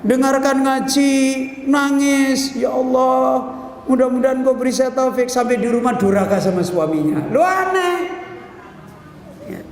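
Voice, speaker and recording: A man preaches a sermon in a mosque, his voice pitched very high. He keeps asking his listeners questions and answering them. The recording rings with long hall reverb over a faint hiss. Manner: asks the audience rhetorical questions and answers them.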